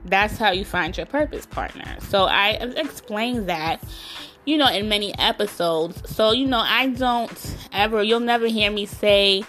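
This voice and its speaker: A woman speaks close to the mic in a casual solo podcast. She coaches listeners in a frank, emphatic way and fills her speech with "you know". Faint music plays softly behind her. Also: mid-range voice, a little slow. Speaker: podcast host and self-love coach.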